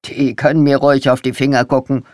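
A man's voice: mid-range voice, little pitch movement, brisk, no room sound, studio quality, close to an everyday voice. A reader voicing Walter, a fussy older husband who is proud of his bicycle work and defensive when nagged. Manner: defensive, self-important.

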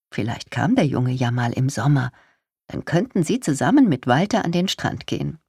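Calm audiobook narrator with lively pitch; dry studio sound. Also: gravelly, husky, no room sound. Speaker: audiobook reader. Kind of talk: scripted narration.

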